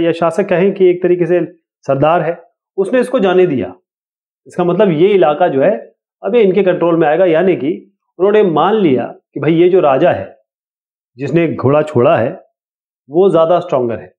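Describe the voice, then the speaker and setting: Male teacher, casual explainer, slightly high voice, tinny phone-like recording. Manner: casual, explanatory, reads questions slowly. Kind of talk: explaining an exam lesson.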